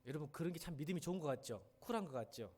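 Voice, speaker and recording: Animated male pastor preaching a sermon. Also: fairly high pitch, racing, breathy edge. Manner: animated, emphatic, acts out quotes. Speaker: senior pastor. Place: church sanctuary.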